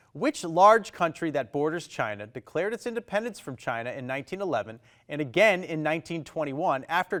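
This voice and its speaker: In a television studio, a quiz show host with a Maine accent reads questions on air. His slightly high, fairly bright voice keeps a brisk, upbeat pace, and he tosses off quick reactions to each answer.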